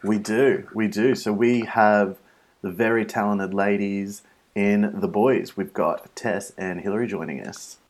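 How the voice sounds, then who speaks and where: Co-host role: Australian-accented male, lowish voice, tongue-in-cheek, casual podcast banter. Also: fairly even intonation, a little slow.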